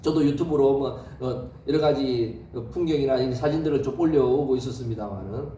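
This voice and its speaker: A man's voice: mid-range voice, a little fast, mellow. A male pastor preaching a sermon, telling the story with lots of rhetorical questions. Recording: echoey hall, distant mic, faint noise.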